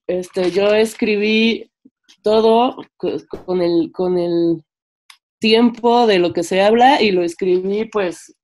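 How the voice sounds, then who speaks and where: A young French-Mexican filmmaker from Mexico, with a Mexican accent, shares informally and hesitantly as a seminar participant in an online discussion, often checking in with tag questions. Her voice is medium-pitched and darkish. She's on a video call from her bedroom, picked up by the computer microphone.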